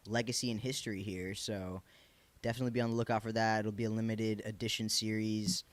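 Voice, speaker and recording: A man's voice: lowish voice, flat delivery, quick pace, no room sound. Man, Michigan accent, slangy casual hosting, encouraging manner, dry recording with little room sound. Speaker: podcast host. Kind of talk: casual interview chat.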